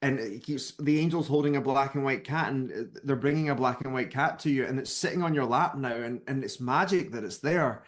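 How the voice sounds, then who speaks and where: A Scottish spiritual author in his thirties, appearing as a guest, tells a personal story in a medium-pitched voice, speaking a little fast with few pauses. He's a lively narrator who acts out the people in his tale.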